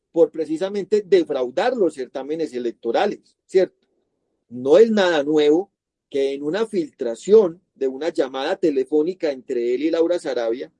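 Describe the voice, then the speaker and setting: A man answering as a guest analyst, lecturing through a list of legal points and asking himself rhetorical questions. His voice sits fairly high yet sounds very dark and mellow, and it is recorded close and dry. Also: no echo. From Colombia. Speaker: guest analyst on electoral crime. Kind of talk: explanatory interview answer.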